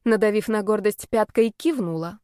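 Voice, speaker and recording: Woman, audiobook narrator, lively expressive reading, mid-pitched voice, dry close recording. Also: moderate pace, smooth, dry recording. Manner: lively, indignant and playful in character lines.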